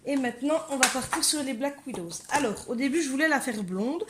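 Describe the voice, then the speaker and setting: A fairly high-pitched woman talks through her coloring at home, chatty and full of little hesitations. A faint background hiss sits under her voice. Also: lively intonation, a little fast. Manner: chatty, many fillers, talks to her cats. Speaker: coloring channel host. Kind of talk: casual coloring tutorial chat. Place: home room with window.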